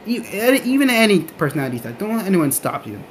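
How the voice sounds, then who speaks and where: A young adult rambling through a casual podcast-style rant in a halting, repetitive, emphatic way. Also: medium pitch, sing-song. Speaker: podcaster, online content creator. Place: on board a train. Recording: noisy train ambience behind the voice. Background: train noise.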